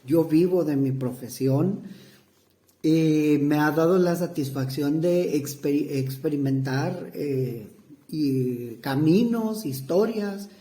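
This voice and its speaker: Un hombre mexicano de unos cuarenta años, psicoterapeuta, que responde una entrevista con titubeos, muletillas y frases que vuelve a empezar. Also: male voice, fairly high pitch, mellow. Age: 40s. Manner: halting, many fillers and restarts. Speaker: psychotherapist interviewee. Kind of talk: hesitant interview answers. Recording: roomy echo.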